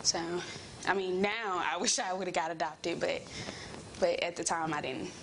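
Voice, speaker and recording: Young woman, even-pitched. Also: normal speed. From Alabama, United States. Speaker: interviewee. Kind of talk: casual interview answers. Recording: noticeable background ambience noise.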